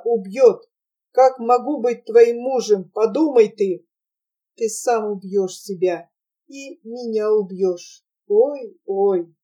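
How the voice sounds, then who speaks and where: A bewitching young woman, coaxing and possessive, her voice lifted brighter and higher than the reading around it, as a woman reader puts her on. She speaks slowly and tenderly in a storybook reading. The mic sits a little distant. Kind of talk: audiobook character voice.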